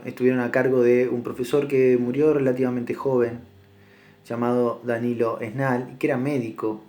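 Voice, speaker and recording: Measured man lecturing from his kitchen. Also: medium pitch, dark tone. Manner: measured, reflective lecturing with frequent fillers. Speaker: literature teacher. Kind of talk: recorded video lesson. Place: home kitchen.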